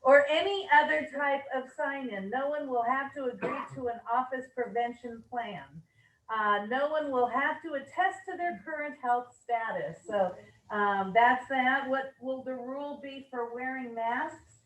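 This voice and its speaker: Woman presenter, upbeat and chatty, a bit hoarse, higher voice, roomy distant mic. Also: measured pace, a bit bright. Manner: upbeat, reads rules aloud with asides and fillers. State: losing her voice. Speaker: managing broker leading an office meeting. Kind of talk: office meeting presentation.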